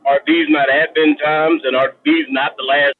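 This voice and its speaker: A man's voice: fairly high pitch, flat delivery, normal speed, dry recording. A man in a casual group Bible discussion, heard through a staticky, CB-radio-like line from a car, pressing his point with repeated questions. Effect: staticky, CB-radio-like sound. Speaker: discussion participant. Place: in a moving car. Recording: tinny, phone-like line from a car.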